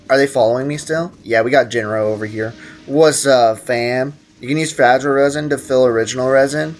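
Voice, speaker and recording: With faint music in the background, a man hosting a gaming livestream talks to his chat in a mid-range voice at normal speed. He reads out viewer comments in playful slang and tends toward exaggerated outbursts.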